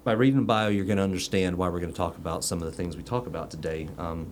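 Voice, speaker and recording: A man's voice: low voice, steady tone, rapid-fire, slight background noise. A man hosting a casual chat show, joking and rambling with fillers. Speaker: host.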